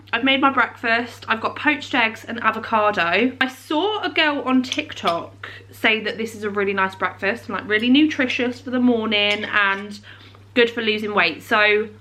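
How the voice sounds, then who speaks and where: A fairly high, bright voice with a forceful tone belongs to a young lifestyle vlogger chatting to camera at home. She's congested and sniffly from a cold and rambles in a talkative way.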